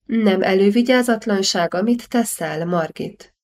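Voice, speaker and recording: A woman's voice: medium pitch, darkish tone, lightly acted. A woman voicing a languid, pleasure-loving young princess in an audiobook, with a lazy, dreamy delivery.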